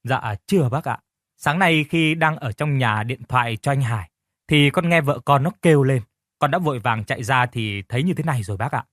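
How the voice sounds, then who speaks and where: A man's voice: medium pitch, a little fast, fairly bright tone, no room sound, studio quality, lightly acted. A man voicing a downcast young husband and fish farmer who speaks politely to his elder and snaps at his wife. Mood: deferential. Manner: polite and deferential, flaring angry at his wife. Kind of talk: audiobook character reading.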